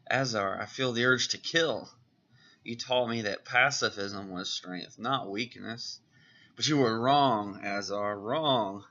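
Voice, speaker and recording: A man reading aloud as a frightened young heroine struggling with her inner darkness, in a slow, earnest and intense way, on a dull lo-fi recording. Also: lowish voice, sharp tone, full character voice. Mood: anguished. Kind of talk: reading comic dialogue aloud.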